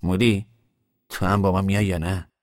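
A man's voice: low voice, steady tone, a little mellow, no room sound, clean studio sound, natural voice. An actor playing an earnest young male drifter in a radio drama, speaking in an insistent way. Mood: welcoming. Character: young male drifter, stubborn yet hopeful.

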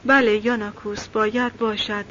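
A woman reading as a calm, devout village man. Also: medium pitch, muffled recording, a little hiss or hum, close to an everyday voice. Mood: calm insistence.

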